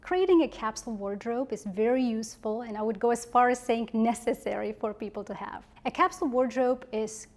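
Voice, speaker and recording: A woman giving polished instructional advice as an etiquette coach, with prim, measured, precise enunciation. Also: on the high side, a little mellow, faint music behind.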